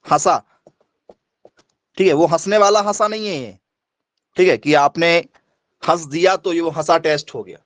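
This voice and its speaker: A man's voice: on the high side, moderate pace, long pauses, dry recording. A middle-aged man from northern India teaching an exam coaching lesson, who asks the students questions, answers them himself and keeps repeating the key points.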